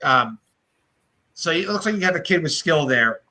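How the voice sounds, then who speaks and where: A man talks hockey on a podcast with a bright, slightly high voice. He rambles through opinions, restarting sentences and cursing freely. The tone is loose, casual chat between friends. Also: animated, quick pace, rough recording. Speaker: podcast co-host.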